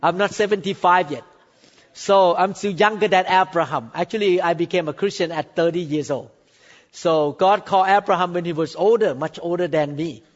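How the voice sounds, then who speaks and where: A man in his sixties from Thailand preaches a sermon, stretching out emphatic phrases and raising his pitch suddenly. The sound is dull with long hall reverb.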